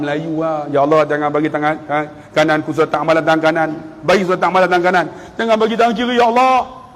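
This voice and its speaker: A man in his fifties from Malaysia giving a lively religious lecture, telling stories, acting out quotes and moving between hushed and loud delivery. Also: on the high side. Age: 50s. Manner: animated storytelling, swings from hushed to loud, acts out quotes. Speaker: preacher. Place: large hall or mosque. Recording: long hall reverb.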